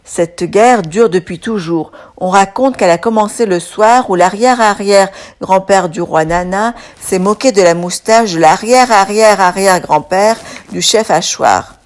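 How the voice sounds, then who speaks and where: A woman's voice: medium pitch, a little slow, hardly any pauses. Woman reading a children's story aloud. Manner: expressive, animated reading.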